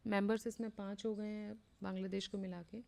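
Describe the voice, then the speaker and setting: Indian woman, current affairs teacher, gravelly fry in her voice, slow careful reading of english text, explains and repeats points. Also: medium pitch, little pitch movement, darkish tone. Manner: reads English text slowly, explains in Hindi; repeats key points, addresses students directly. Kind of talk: exam revision lesson.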